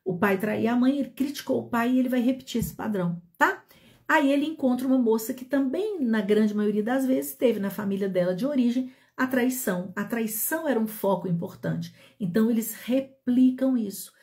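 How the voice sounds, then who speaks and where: With a brisk delivery and a somewhat dark, slightly high voice, a Brazilian woman lectures her audience about relationships. Her accent is Brazilian Portuguese, and she speaks to listeners directly, often checking in with them.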